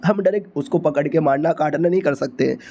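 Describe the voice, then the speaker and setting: A man's voice: fairly high pitch, a little fast, warm tone. A man voicing a bossy young woman schemer who scolds impatiently, in a storybook-style retelling. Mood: scolding.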